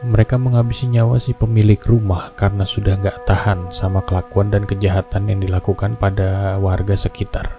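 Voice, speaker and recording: A man's voice: fairly low pitch, gravelly. A man hosting a horror story reading, telling it in a casual, chatty way with asides to listeners. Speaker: host reading horror stories. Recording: music bed under the voice. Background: background music.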